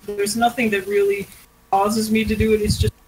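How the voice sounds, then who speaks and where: A woman's voice: medium pitch, level tone, normal speed, a little mellow, low-quality recording. A young woman streamer chatting casually and rambling, laughing and swearing freely as she talks. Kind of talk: casual chat on a drawing stream call. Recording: faint background noise.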